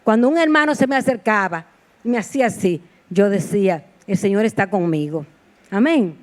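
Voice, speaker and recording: A woman's voice: medium pitch, expressive, normal speed. A woman preacher giving a sermon in a heartfelt, personal storytelling manner, with repeated exclamations. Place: church sanctuary.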